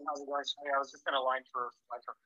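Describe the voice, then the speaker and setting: A man's voice: mid-range voice, little pitch movement, very fast, bright, forceful tone, highs cut off. A man calling into an online audio room, chatting casually in short, polite questions. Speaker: caller joining an audio room. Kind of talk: casual chat.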